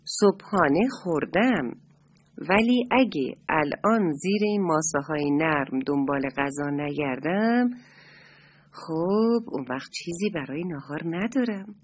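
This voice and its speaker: A woman voicing a busy male turtle who refuses in a slow, unhurried way in a children's story. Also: low-pitched.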